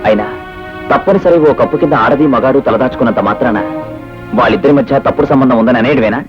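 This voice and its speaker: An actor plays a young husband who protests his innocence in an indignant, fast flow. His voice sits mid-range, on a dull film soundtrack with music. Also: medium pitch, lightly acted. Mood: protesting. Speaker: son and husband.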